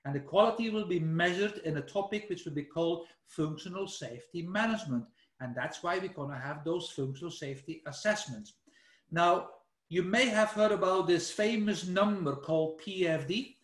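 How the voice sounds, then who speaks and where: At a normal speed and in an echoey room, a man with a high voice and a Flemish accent from Belgium walks through a technical webinar. He is informal and explanatory, often correcting himself and saying "let's say," and only his shared screen is visible.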